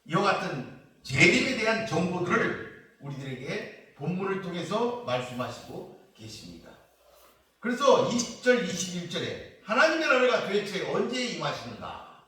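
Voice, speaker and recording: A man with a high-pitched, sharp-toned voice preaches as pastor at a prayer retreat church. He unpacks scripture one passage at a time and gives voice to the mocking questions his listeners might ask. It's recorded from a distant mic in a church hall with heavy echo.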